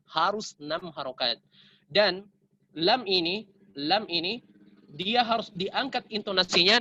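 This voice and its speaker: Seorang pria Indonesia mengajar tajwid, mengoreksi bacaan dan mencontohkan pelafalan yang benar dan yang salah. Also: male voice, high voice, bright, forceful tone, lo-fi sound. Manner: corrective, demonstrates right and wrong recitation. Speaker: Quran recitation teacher. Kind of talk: tajwid lesson with recited examples.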